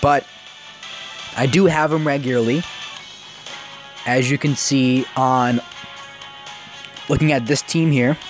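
Excitable young man, right on the mic. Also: mid-range voice, slow, pauses often. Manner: excitable, stuttering; close to the microphone. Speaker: gaming video maker. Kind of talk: casual live commentary on mobile game summons. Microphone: phone, very close to the mouth. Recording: close-miked phone recording, music behind. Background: game music.

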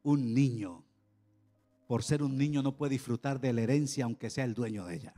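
A pastor preaching a sermon in a church hall, animated, with sudden loud peaks and drops. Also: male voice, mid-range voice, moderate pace, faint music behind.

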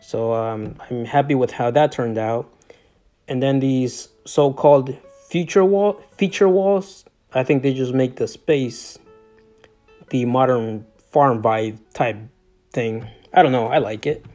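A man's voice: mid-range voice, takes it slowly, mellow, faint music behind. A middle-aged man giving a casual tour of his home, rambling with many fillers and restarts, filmed on a handheld phone. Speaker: homeowner giving a house tour. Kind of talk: casual house tour narration. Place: inside a small home. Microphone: handheld phone camera, off screen.

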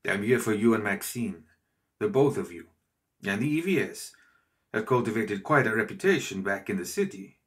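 Male reader as a careful, polite schemer, low-ish voice, storybook. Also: expressive, natural voice. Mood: courteous. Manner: careful, courteous, measured. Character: polite, calculating gentleman visitor. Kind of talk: audiobook character voice.

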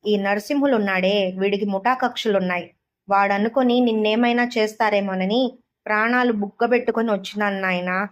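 A woman voicing the gentle, worried spirit of an old mother who appears in a dream, speaking tenderly and anxiously. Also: medium pitch, lo-fi sound, lightly acted.

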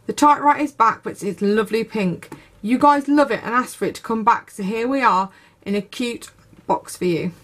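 A woman's voice: a little high, fairly bright tone. A woman, narrating a craft unboxing video with gushing enthusiasm. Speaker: craft YouTuber. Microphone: camera over tabletop, speaker off screen.

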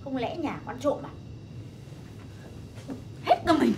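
A woman's voice: high-pitched, animated, a little slow, mellow, slight background noise. An actress playing a suspicious middle-aged mother-in-law who scolds her son's wife. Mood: worried. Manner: accusing, scolding.

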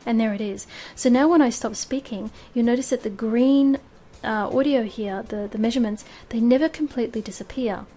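A chatty, higher-voiced woman hosts a casual screen-recorded streaming tutorial, explaining things and laughing at herself. She talks a little fast with hardly any pauses in a dark tone, using a desk microphone with audio filters while a fan hums and birds sing in the background.

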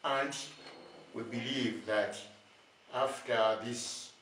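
An older man preaching a sermon, speaking slowly and deliberately in short phrases with long pauses. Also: medium pitch, fairly even intonation, a bit bright. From Uganda. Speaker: bishop. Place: indoors, plain room. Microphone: far camera. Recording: very echoey room, far from mic, faint noise.

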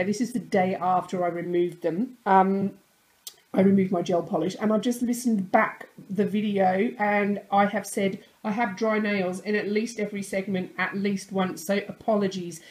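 A woman chats through a beauty demonstration, friendly and informal, full of small restarts. Her voice sounds a little croaky and sits at a middle pitch. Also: fairly even intonation, moderate pace, a little mellow. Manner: chatty, friendly, with many fillers and restarts. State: slightly croaky voice. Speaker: beauty vlogger. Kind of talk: casual product demonstration.

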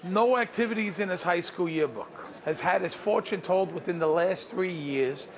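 A man doing a comedy bit, making cocky deadpan judgments about strangers and quizzing them on the street. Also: high voice, moderate pace, crowd noise. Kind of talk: comic street interviews.

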